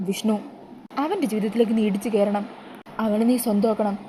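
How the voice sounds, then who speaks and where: Woman as a cold scheming female friend, bossy lecturing, quick delivery. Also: medium pitch, warm tone, a little hiss or hum, close to an everyday voice, rough recording.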